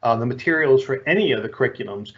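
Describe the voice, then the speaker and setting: A man co-presents a webinar in a relaxed, chatty way, dropping easy joking asides. His voice has a middling pitch. The sound is a little dull, as on an online call. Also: fast talker. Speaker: workshop trainer. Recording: slightly muffled online call audio.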